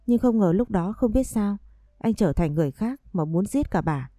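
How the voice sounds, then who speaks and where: A woman narrating a scripted story in a calm, even reading voice. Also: medium pitch, moderate pace, no room sound, studio quality, soft background music.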